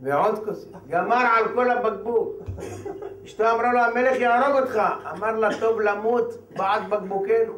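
Guy telling a funny folk story, high voice, does all the characters, kinda far off the mic in an echoey room. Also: fairly bright tone, dull audio. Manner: acts out characters in quick high voices, laughing along. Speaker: joke teller. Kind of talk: telling a long comic folk tale. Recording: roomy, from off-mic, faint ambience.

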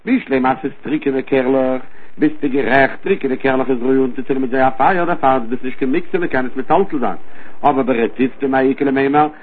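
A man gives a Talmud study lesson at a quick clip, his voice husky and a little breathy. His phrasing rises and falls in a steady study cadence. The sound is thin and narrow, as if it came over a phone line. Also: medium pitch. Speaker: Talmud teacher. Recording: tinny phone-line recording.

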